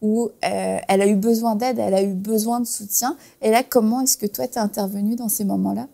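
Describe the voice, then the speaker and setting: Femme animatrice aux questions douces. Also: female voice, mid-range voice, steady tone, brisk, gravelly, warm tone. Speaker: talk show host. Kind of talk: faith talk show interviewing.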